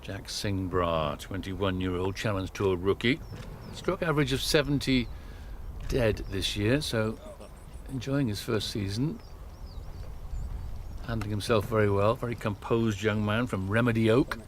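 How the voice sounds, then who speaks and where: A man's voice: lowish voice, unhurried, a little hiss or hum. A man giving live golf commentary in short, descriptive phrases.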